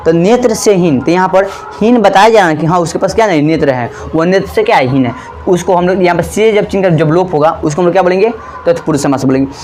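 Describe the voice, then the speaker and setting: A man's voice: high voice, a little mellow, slight background noise, rough recording. A man teaching a grammar class who asks questions and then answers them himself, stretching out words as he writes on the board. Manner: drawn-out words while writing on a board.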